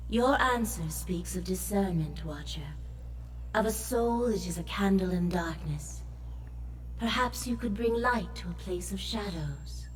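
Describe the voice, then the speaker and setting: An actress playing a solemn, commanding goddess of birds and light in a fantasy game, speaking in measured, poetic phrases. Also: female voice, on the low side, lively intonation, far from the mic, slight background noise, poor audio. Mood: solemn, encouraging. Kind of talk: scripted fantasy game dialogue.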